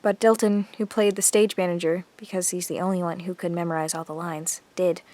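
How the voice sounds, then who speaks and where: An actress with a lowish, fairly mellow voice voices an earnest teenage girl reading from her diary in a zombie audio drama, sounding grieving, reflective and confiding. Her delivery is brisk and level, close to an everyday voice, with no room sound. Music plays beneath her.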